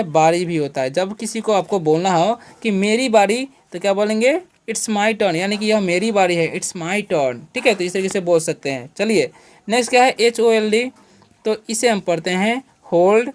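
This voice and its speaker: Male teacher-host, beginner English lesson: patient and repetitive, spells words out, asks and answers his own questions, keeps checking "okay". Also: high-pitched. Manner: asks rhetorical questions and then answers them; fills pauses with a checking "okay".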